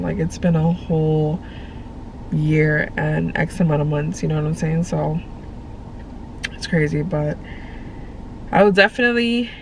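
A young woman with a fairly low, vocal-fried voice and a congested sound vlogs casually from a parked car, rambling and using lots of fillers. Her phone camera is held at arm's length, and faint car noise sits in the background.

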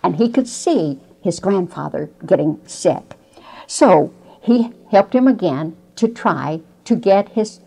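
A woman's voice: fairly low pitch, warm tone, rough recording. A woman Bible teacher telling a faith story, with emphatic delivery and asides to listeners. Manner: slow, emphatic storytelling, addresses listeners directly.

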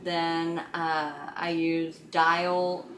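A woman in her thirties talks casually to camera in a low, slow voice. Her speech is toothless and softly slurred, with a hesitant, self-conscious delivery. The room rings noticeably around her. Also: little pitch movement, slight background noise. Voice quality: toothless speech, soft slurred articulation without teeth or dentures. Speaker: vlogger. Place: living room, seated on a couch indoors. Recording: roomy, echoing home recording.

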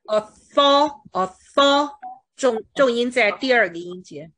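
A woman's voice: fairly high pitch, a little fast, a bit bright, breathy edge. A woman teaching English pronunciation, explaining patiently with everyday examples and drilling words with her student. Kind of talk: pronunciation lesson.

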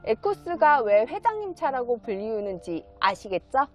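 A woman's voice: a little high, big pitch swings, normal speed, soft background music. A woman used car dealer giving a polished, polite, promotional sales narration as she presents a car.

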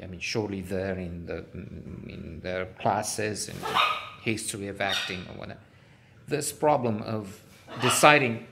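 With background noise behind him, a man offers a casual spoken film review in a mid-range voice. He hesitates a lot, restarting and using many fillers, and now and then gets worked up.

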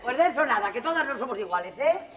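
An actress playing a luckless jilted woman in a stage comedy, swinging from quick comic asides to tearful pleading, in a 1980s televised theater recording with audience laughter. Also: a little high, animated, echoey room, a crowd in the background, noisy background, close to an everyday voice. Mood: wry. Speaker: lead actress in a stage revue.

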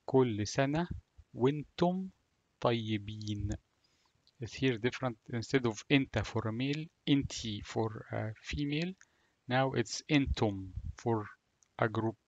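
A man with an Egyptian Arabic accent, a native Arabic speaker, giving a language lesson in a deliberate, word-by-word manner. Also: medium pitch, no echo, muffled recording. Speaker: language teacher. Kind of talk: language lesson, slow explanation with repeated phrases.

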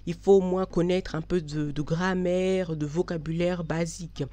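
A woman's voice: on the low side, fairly even intonation, moderate pace, warm tone. A woman from Belgium, vlogging in a frank, chatty way with many hesitations. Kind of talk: casual talk to camera.

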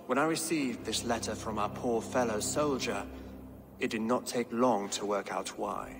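An actor playing a dignified, guarded Saxon king in a video game, speaking formally in a measured, commanding way. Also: fairly low pitch, noisy background, lightly acted. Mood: grave.

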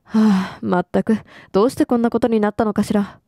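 A woman's voice: mid-range voice, fairly even intonation, fairly quick, warm tone, no echo, clean studio sound, lightly acted. A woman reading the lines of a self-pitying, debt-ridden woman from a game, complaining in a whiny, dramatic way.

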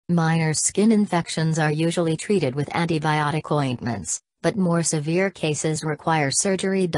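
Low-voiced woman narrating, dry sound. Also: darkish tone, dry recording. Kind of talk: scripted narration.

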